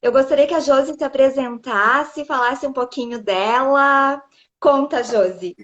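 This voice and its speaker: Slow, high-voiced woman hosting a live stream. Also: fairly bright tone, dull audio. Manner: greets viewers by name, chatty. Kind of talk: casual live stream chat.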